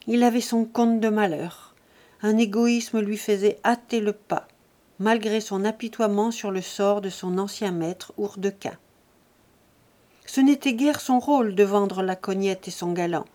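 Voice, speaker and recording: Woman narrating a classic novel. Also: mid-range voice. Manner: even, measured storytelling. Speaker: audiobook narrator. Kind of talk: literary audiobook narration.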